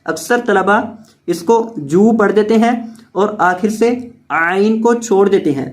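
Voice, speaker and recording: A male Quran teacher leads a word-by-word recitation lesson. He stretches each recited word long and slow, then rattles off quick explanations of the rules. At times the recitation turns into a melodic chant. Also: high voice.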